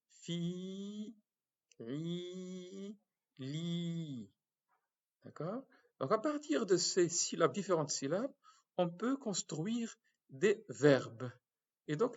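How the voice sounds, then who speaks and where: A man from Morocco, a medical school professor, giving a slow recorded lecture with many restarts and fillers, spelling out syllables one by one. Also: a little high, slightly rough, dull audio.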